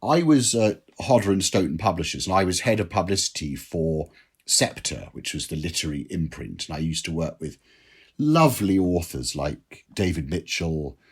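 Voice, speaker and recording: A man's voice: low voice, lively intonation, normal speed, husky. A man, a drinks writer, telling self-deprecating anecdotes as a guest in an interview. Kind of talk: interview storytelling.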